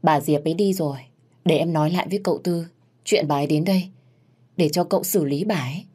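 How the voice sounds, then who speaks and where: A bold, quick-witted young woman in a read-aloud audio story, as a woman reader voices her. Her low, husky voice fires off fast, cutting retorts. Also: mellow. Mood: firm. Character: sharp-tongued young servant woman, bold.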